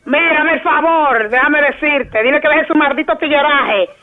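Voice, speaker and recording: A woman's voice: sits high, normal speed, phone-quality sound. A woman with a Dominican accent on a prank call, arguing heatedly, cursing and hurling insults. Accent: Dominican Spanish. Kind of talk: heated phone argument.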